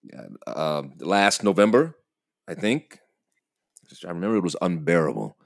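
A man playing an anxious, exasperated airline passenger at breaking point, halting and stammering in a comedic drama. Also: low-pitched, animated, gravelly, heavily acted. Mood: panicked, exasperated. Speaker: airline customer. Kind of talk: naturalistic comedic drama acting.

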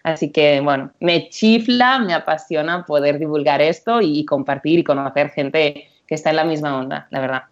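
A woman's voice: deep voice, moderate pace, few pauses. A woman from Catalonia, a nutritionist guest, chatting enthusiastically on a radio show. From Spain (Catalonia, Empordà). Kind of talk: casual radio chat. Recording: dull lo-fi sound.

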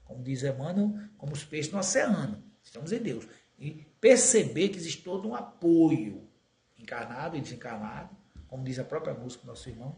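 A man giving an earnest spiritist talk on raising children, often stretching words slowly for emphasis. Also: medium pitch, darkish tone. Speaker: spiritist lecturer. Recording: echoey room.

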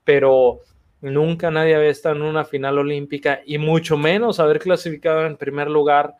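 A middle-aged man with a Mexican accent, an athlete guest retelling his career in a casual, slangy, animated way. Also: fairly high pitch, brisk, lo-fi sound. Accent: Mexican Spanish. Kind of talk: casual interview storytelling.

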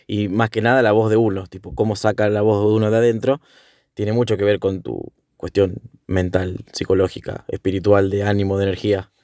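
A young man with a Rioplatense Spanish accent hosts a casual, reflective monologue, thinking aloud in a hesitant way and correcting himself as he goes. His voice is lowish and dark in tone, captured as clean studio sound with no echo.

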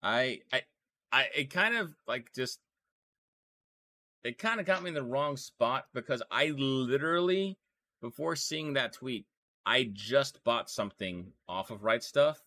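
Bright-voiced chatty male podcast host. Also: medium pitch, animated, measured pace. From Texas. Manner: rambling, lots of fillers and restarts. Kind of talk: casual anime news chat.

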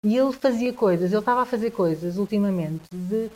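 With a dark tone and a mid-range voice, a woman speaking in a European Portuguese accent relates a personal story as a conversation guest. She hesitates, restarts frequently, and repeats words.

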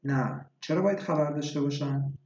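A woman's voice: low-pitched, warm tone, close to an everyday voice. A man reading aloud voices a desperate, tearful village wife who pleads with a doctor. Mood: guarded. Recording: echoey, dull lo-fi recording.

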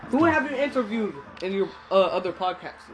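A young man chatting casually while gaming, goofy and rambling, slipping into half-sung nonsense and sudden yells. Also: sits high, lively intonation, fairly quick, rough recording. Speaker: gamer co-host. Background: game music.

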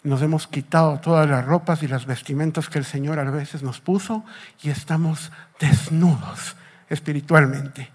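Male preacher with a high voice; dramatic, story-driven sermon delivery. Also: fairly even intonation, normal speed, slightly rough. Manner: dramatic storytelling, acts out the scenes.

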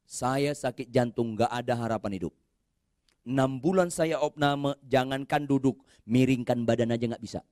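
An older man preaching a sermon in animated storytelling, swinging from hushed to shouting. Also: mid-range voice, dry recording, clean studio sound.

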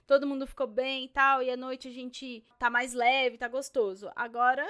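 A woman with a Brazilian Portuguese accent in casual chat, relaxed and full of slang. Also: sits high, normal speed, smooth. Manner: relaxed, conversational, uses slang.

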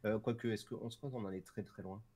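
A man, a developer of a role-playing tool, explaining its features in casual interview chat, relaxed, with many fillers and restarts. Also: fairly low pitch, fast talker.

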